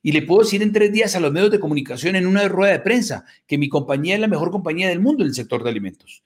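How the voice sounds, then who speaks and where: Middle-aged man, slightly raised pitch, motivational workshop speaker, emphatic and rhetorical. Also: expressive, rapid-fire. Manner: emphatic lists and rhetorical tag questions. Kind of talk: motivational lecture to a live audience.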